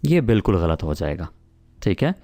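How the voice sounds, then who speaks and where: A man with a Pakistani accent teaches spoken English in a low-sitting, sing-song voice with a warm tone. He explains patiently and repeats example sentences slowly.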